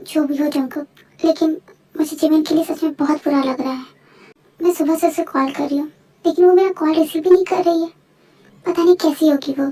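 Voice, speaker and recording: A woman's voice: sits high, fairly even intonation, fairly quick, dark tone, far from the mic, lightly acted. A woman voicing a chatty, loyal young woman in a fan voice-over drama. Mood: upset. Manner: chatty, teasing.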